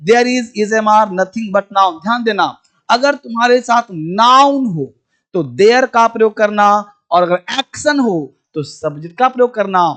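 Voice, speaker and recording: A man's voice: extremely high pitch, fairly bright tone. A man teaching a basic English grammar lesson, calling viewers friend and brother as he drills example sentences. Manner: slow spelled-out English phrases between quick Hindi.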